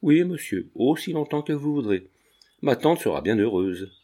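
Male reader doing a naive young seamstress, timid and polite, lifted pitch, storybook. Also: very animated, normal speed, dark tone. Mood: earnest.

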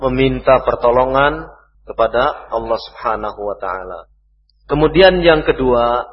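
A man's voice: medium pitch, slightly rough. A man with an Indonesian accent giving a religious study talk, reading out questions and answering them, saying "ya" again and again. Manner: repeats "ya" often, reads questions then answers. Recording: lo-fi reverberant hall recording.

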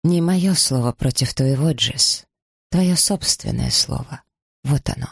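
A man reading aloud, putting on the voice of a quiet, resolute wronged wife who speaks evenly and firmly. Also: a little slow, creaky, husky, no room sound, studio quality. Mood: steady. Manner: low, even, firm.

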